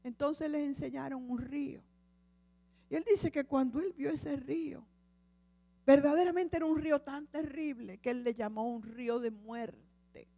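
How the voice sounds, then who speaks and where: A woman preacher telling a dramatic story to her congregation, shifting between hushed and intense moments. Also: sits high, steady tone, a little slow, gravelly. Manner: dramatic, dropping to a hush. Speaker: preacher, community founder. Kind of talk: sermon storytelling.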